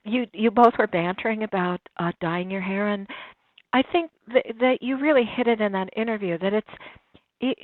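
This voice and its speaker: This interview guest, a woman in her sixties, shares stories in a relaxed, thoughtful way, restarting often. Her medium-pitched voice keeps a moderate pace, and the tinny phone-line sound is dry.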